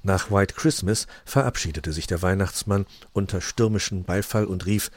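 A man narrating a German-language children's audiobook in a calm storytelling manner. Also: low voice, normal speed, no echo. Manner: calm storytelling, many voices.

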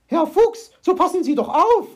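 List: woman voicing a magpie lady, storybook, indignant, shrill, husky. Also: sing-song, unhurried, warm tone, full character voice. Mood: shrieking. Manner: indignant, scolding, shrill outbursts. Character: prim, touchy female magpie lady.

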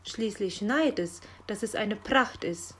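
A woman voicing a cheerful, friendly male fox in a children's story, good-humored and relaxed. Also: medium pitch, slow, a little hiss or hum.

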